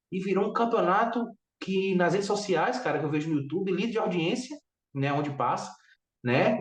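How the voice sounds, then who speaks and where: A talkative man with a Brazilian Portuguese accent hosts a casual podcast chat, piling on fillers as he goes. His voice sits fairly high. He sounds set back from the mic, in an echoey room. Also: distant mic. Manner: animated, talkative, many fillers. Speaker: podcast host.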